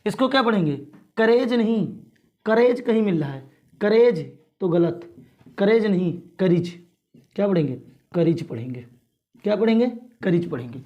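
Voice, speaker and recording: A male teacher drilling pronunciation in class, repeating each word and asking again and again how to read it, often clearing his throat. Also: sits high, animated, a little fast, muffled recording.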